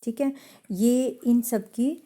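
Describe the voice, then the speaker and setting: A woman's voice: a little high, slow, dark tone. A woman teaching a chemistry lesson, explaining step by step and often checking that her students have understood. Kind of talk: classroom lecture.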